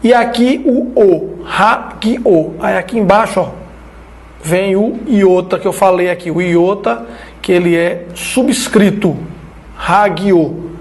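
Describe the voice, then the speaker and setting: Brazilian guy doing an online greek lesson, slow, keeps saying né and ó. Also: sits high. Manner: slow explanatory, checking in with "né?" and "ó". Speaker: teacher.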